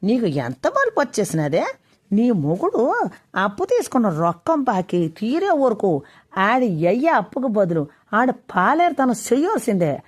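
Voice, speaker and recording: A woman's voice: fairly high pitch, huge pitch swings, moderate pace, breathy edge, pitched above the performer's own voice, heavily acted. A woman voicing a domineering male village landlord who roars abuse and threats. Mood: menacing. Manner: roaring, abusive, curt.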